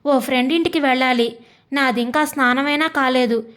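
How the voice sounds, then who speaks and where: A woman voicing a spoiled young sister-in-law who talks in a hurried, snippy way in a narrated story. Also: high voice, fairly bright tone.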